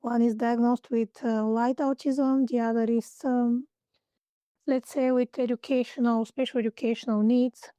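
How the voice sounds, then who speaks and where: A woman with a Bulgarian accent and a fairly high, warm voice talks through an interview. Her speech is halting, full of fillers and pauses while she hunts for English words. The sound is close and dry. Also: little pitch movement, dry recording. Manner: hesitant, searching for English words, many fillers. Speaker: guest, holistic therapist. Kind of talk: interview answers.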